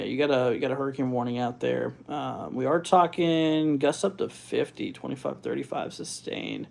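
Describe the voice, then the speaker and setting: Creaky-voiced man hosting a casual weather livestream. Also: mid-range voice, darkish tone. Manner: informal, halting, thinking aloud while looking things up. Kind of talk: casual live weather commentary, reading out figures and answering viewers.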